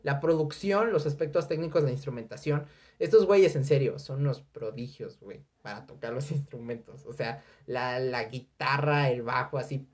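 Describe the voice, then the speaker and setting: A young adult speaker with a Mexican accent reviewing an album on a casual podcast, animated and profane, breaking into shouted sound imitations. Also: mid-range voice, moderate pace. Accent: Mexican Spanish. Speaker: music reviewer.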